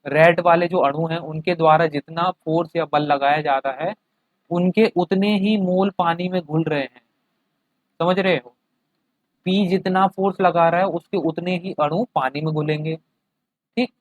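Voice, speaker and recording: A man's voice: on the high side, fairly even intonation, moderate pace, dry recording, phone-quality sound. A man teaching a chemistry class, explaining with everyday examples and often checking that students follow.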